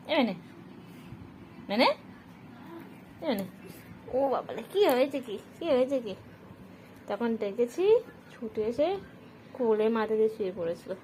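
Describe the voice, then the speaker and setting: A woman speaks sing-song baby talk to her pet at home, cooing and doting. Her voice sits a little high and swings widely up and down. A faint wash of ambient noise lies under the recording. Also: expressive, unhurried, long pauses, darkish tone. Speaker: pet owner.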